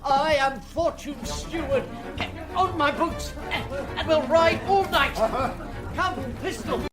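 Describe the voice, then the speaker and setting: A man's voice: very high-pitched, slow pace, a crowd in the background. A man playing Falstaff, a fat, boisterous, boastful old knight, in a Shakespearean radio drama. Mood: exultant. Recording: music playing behind the voice.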